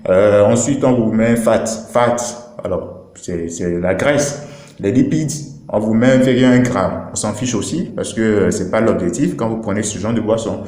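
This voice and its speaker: Hesitant man with a dark voice. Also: on the low side, normal speed. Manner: hesitant, many fillers, checks in with "d'accord?". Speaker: doctor explaining nutrition labels. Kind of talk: casual explanatory video talk. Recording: echoey room.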